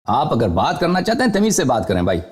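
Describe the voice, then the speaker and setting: A man hosts a live call-in debate and argues hard, cutting in again and again. His voice keeps rising and falling over a wide pitch range. He sounds combative and interrupting from line to line. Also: huge pitch swings. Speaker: host of a live call-in religious debate show. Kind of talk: heated religious debate.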